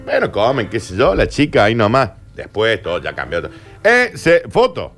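A man's voice: lowish voice, wildly swooping pitch, moderate pace, a bit bright, soft background music. A man with a Rioplatense accent hosting a comic radio show, telling stories and giving playfully indignant replies. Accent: Rioplatense Spanish. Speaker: radio host.

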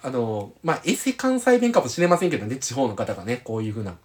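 A man's voice: medium pitch, wildly swooping pitch, quick pace, a little mellow. Playful man with a Kansai accent. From Hyogo, Kansai, Japan. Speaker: podcast host. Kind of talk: casual podcast chat.

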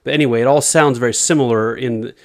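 Man, casual podcast host, mid-range voice, halting delivery. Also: mid-range voice. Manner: relaxed, halting, many fillers and restarts. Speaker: host presenting research. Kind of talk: casual group chat.

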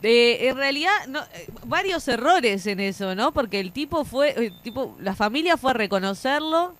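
A woman's voice: a little high, animated, normal speed, a bit bright. A woman with a Uruguayan Spanish accent, co-hosting a radio show in casual banter, wry and chatty. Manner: wry, chatty, laughs through stories. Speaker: radio co-host.

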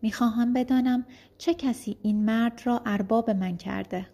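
A woman's voice: fairly high pitch, steady tone, warm tone. A woman voicing a bitter, defiant young enslaved man who protests angrily.

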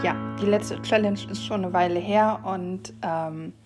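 A woman's voice: mid-range voice, fairly even intonation, unhurried, over loud music. A young woman hosting her own podcast, chatting casually and rambling with fillers and restarts. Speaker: podcast host. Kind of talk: casual solo podcast talk.

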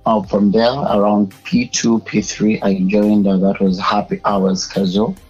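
A man's voice: on the low side, little pitch movement, unhurried, a little mellow, husky, dull audio, soft background music. A young Ugandan man with a Ugandan English accent, a media personality and public speaker, answering interview questions in a hesitant way with many filler sounds. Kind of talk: casual interview.

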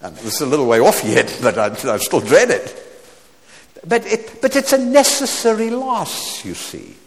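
A man in his seventies preaching a sermon, swinging from loud exclamations to quiet asides, with stammered restarts and wry humorous remarks. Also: on the high side, sing-song, normal speed, long reverb tail. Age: 70s.

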